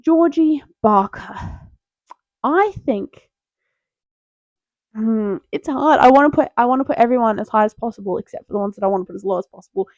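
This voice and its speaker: A young woman hosting a casual, rambling tier list video, playful and quick to interrupt herself with jokes. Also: fairly high pitch, a little mellow, no room sound, lo-fi sound. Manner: playful, self-interrupting, jokey.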